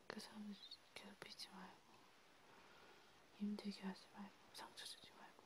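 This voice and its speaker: A woman voicing a menacing grim reaper in a whispered role-play, scolding and threatening, slowly. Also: mid-range voice, monotone, close to an everyday voice. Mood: stern, threatening. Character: menacing female grim reaper punishing a sinner's soul.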